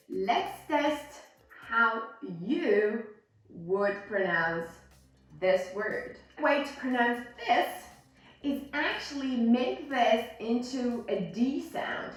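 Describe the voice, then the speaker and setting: A woman's voice: on the high side, sing-song, slow pace. A woman teaching pronunciation as an instructor, demonstrating words and sounds and often checking that the learner follows. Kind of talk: instructional lesson on American English sounds. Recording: very roomy echo, distant mic, faint music.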